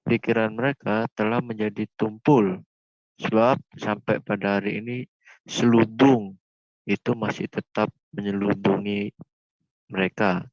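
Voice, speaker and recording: A man in a casual Bible discussion, reading scripture slowly and carefully with small stumbles. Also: lowish voice, no room sound, highs cut off.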